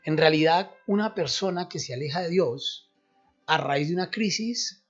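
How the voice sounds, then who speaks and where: On a radio program, a man with a fairly high voice explains a Bible passage at normal speed, animated and explanatory as he asks and answers his own questions. The recording sounds dull, with faint music underneath.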